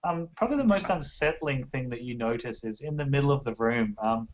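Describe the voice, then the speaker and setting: A man's voice: medium pitch, lively intonation, brisk. A man narrating a tabletop game as game master, describing scenes in a loose, rambling way full of fillers. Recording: muffled lo-fi recording.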